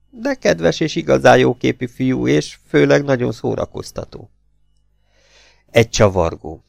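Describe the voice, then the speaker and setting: Gravelly low-voiced male audiobook narrator. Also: darkish tone, dry recording, clean studio sound. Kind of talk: audiobook reading of a pulp novel.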